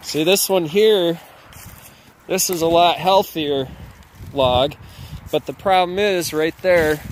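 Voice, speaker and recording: There's slight background noise as a man in his thirties, voice on the high side, explains his wood for a casual how-to vlog. A chainsaw carver, he films with a handheld phone while drifting easygoingly through his cluttered workshop and partly outdoor yard.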